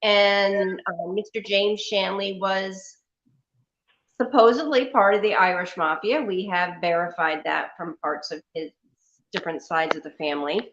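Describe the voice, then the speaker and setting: A woman who works at the hotel speaks loudly across the room so another person's mic picks her up. Her voice comes through echoing, and she fills gaps with lots of ums. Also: mid-range voice, fairly even intonation, a little slow. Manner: talks loud to reach a second mic, many ums. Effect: voice picked up from across the room by another person's mic, echoing. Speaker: hotel staff member telling its history. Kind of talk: call-in interview chat. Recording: echoey, dull remote call audio.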